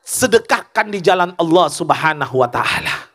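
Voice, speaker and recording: A man preaching a sermon who voices a devoted wife, pleading slowly and with deep emotion. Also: expressive, fairly bright tone. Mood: devoted, tearful. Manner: slow, emotional, drawn-out pleading. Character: grieving devoted wife pleading, adult woman. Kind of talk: storytelling in a sermon.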